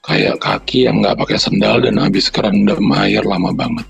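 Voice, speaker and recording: A man with a deep, rough, gravelly voice reads a listener's horror story on a podcast. His tone is husky and grainy, with faint music playing underneath. He jokes in loose slang between the passages. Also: steady tone, normal speed, muffled recording. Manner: banters in slang, then reads steadily with sound effects. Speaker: podcast co-host reading listener horror stories. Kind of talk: casual chat and reading a horror story aloud.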